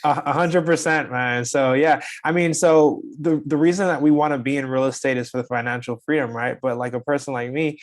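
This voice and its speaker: A man's voice: mid-range voice, fairly even intonation, a little fast, few pauses. A young man from the Bahamas, a guest in a casual interview over a video call, answering in an easygoing, agreeable way. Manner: easygoing, agreeable, many "you know"s. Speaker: guest, real estate investor.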